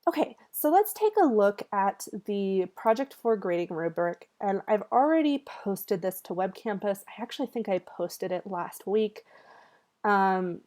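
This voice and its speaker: A woman's voice: medium pitch, dark tone. A woman teaching a college writing class in a recorded video lecture, with a slightly nasal voice from allergies and a conversational way of talking, full of ums and check-ins with students.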